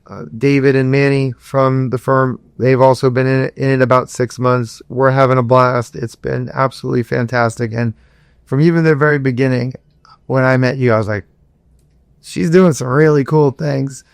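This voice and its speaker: Smooth-voiced enthusiastic male podcast host. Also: mid-range voice, fairly even intonation, no echo, studio quality. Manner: enthusiastic, with quick bursts. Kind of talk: interview conversation.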